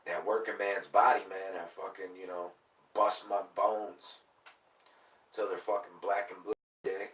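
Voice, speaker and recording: A man's voice: deep voice, little pitch movement, a little slow, a bit bright, far from the mic, rough recording. A man in his late thirties hosting a livestream in casual chat, rambling and laid-back, with plenty of swearing. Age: late 30s. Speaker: livestream host.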